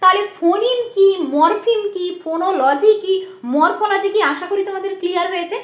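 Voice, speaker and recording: A woman's voice: very high voice, brisk, highs cut off. A woman teaching an exam-prep lesson, explaining step by step and answering her own questions, often slipping in English terms. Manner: mixes in English terms and phrases. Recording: echoey room.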